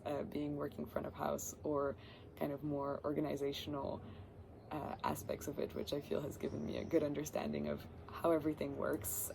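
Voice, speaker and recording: Young woman from Ireland, gravelly low voice, enthusiastic self-recorded application clip in a garden. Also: mellow, slight background noise. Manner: chatty, enthusiastic, many fillers. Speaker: job applicant. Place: garden outdoors.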